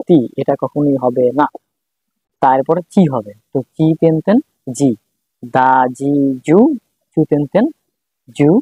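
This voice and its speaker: A man's voice: fairly high pitch, warm tone, dry recording, poor audio. A man teaching a writing lesson, patiently repeating syllables one by one as he writes. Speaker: language teacher.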